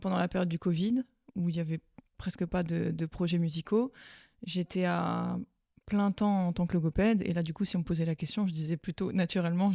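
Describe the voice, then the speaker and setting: A woman from Alsace answers interview questions in a fairly low voice. She talks casually, with frequent pauses, fillers and restarts. The sound is dry and close. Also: creaky, dark tone, no room sound. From Alsace, France. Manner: hesitant, many fillers and restarts. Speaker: guest, violist and speech therapist.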